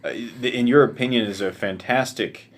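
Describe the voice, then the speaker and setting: Male podcast co-host, chatty and questioning, quick to correct details. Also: medium pitch. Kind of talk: casual chat.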